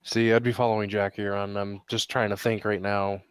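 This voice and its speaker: A man's voice: on the low side, level tone, moderate pace, smooth, no room sound. A man chatting as a player in a tabletop game, thoughtful and hesitant. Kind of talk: tabletop role-play chat.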